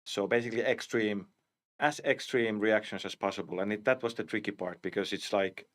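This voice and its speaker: A man, a cinematics director, talking casually in an interview, halting with many restarts and fillers. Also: fairly low pitch, fairly even intonation, a bit bright. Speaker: live action and cinematics director.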